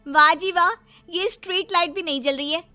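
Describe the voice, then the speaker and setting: A high, insistent young wife in a cartoon story, voiced by a woman. She demands answers in an indignant tone, over faint music. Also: fairly quick, pushed and bright, no echo, full character voice. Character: outspoken young wife, quick to complain.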